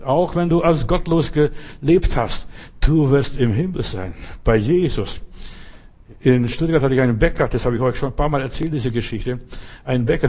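A man's voice: medium pitch, warm tone, breathy edge. A man preaching a sermon as pastor, speaking directly to each listener and often checking whether they follow. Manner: conversational, addresses the listener directly and keeps asking if they follow.

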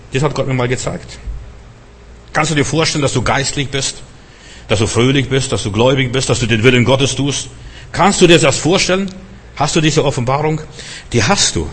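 A man's voice: mid-range voice, a bit bright, slight background noise. A middle-aged man preaching a sermon, pressing his listeners with repeated urgent questions.

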